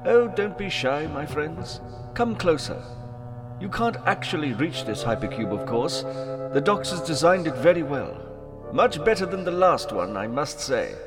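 A man's voice: on the high side, animated, a little slow, music in the background. A man playing an imprisoned villainous mastermind in an audio drama, mocking and elaborately courteous. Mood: mock-welcoming. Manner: theatrical, mock-courteous, elaborately formal.

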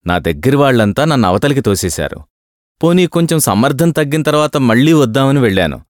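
A man reading a first-person story aloud with expressive delivery. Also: mid-range voice, brisk, no room sound, clean studio sound. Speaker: narrator.

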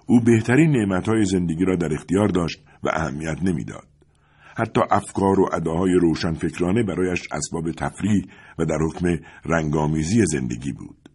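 Deep husky male storyteller. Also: darkish tone. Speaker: narrator. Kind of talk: audiobook reading of a novel.

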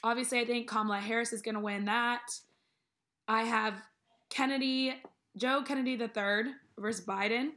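A woman's voice: fairly high pitch, fairly even intonation, moderate pace, fairly bright tone. A young American woman co-hosting a casual podcast from a living room, chatting informally and freely giving her opinions. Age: young adult. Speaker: podcast co-host.

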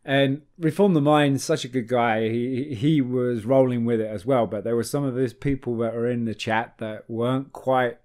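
A man's voice: mid-range voice, normal speed, few pauses. Man chatting with loose, rambling energy. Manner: rambling, animated storytelling with frequent swearing and restarts. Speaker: podcast host. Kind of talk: casual chat.

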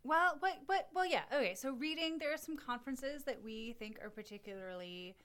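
A woman's voice: high-pitched, normal speed, a bit bright. A woman co-hosting an education podcast, chatting casually with playful asides. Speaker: podcast co-host.

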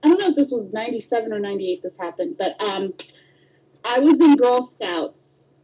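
A woman's voice: fairly high pitch, lively intonation, moderate pace, warm tone. A woman in her thirties co-hosting a podcast, chatting casually and telling stories with acted-out quotes. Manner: chatty storyteller, acts out quotes with squeals. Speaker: podcast co-host. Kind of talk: casual chat. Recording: dull lo-fi podcast audio.

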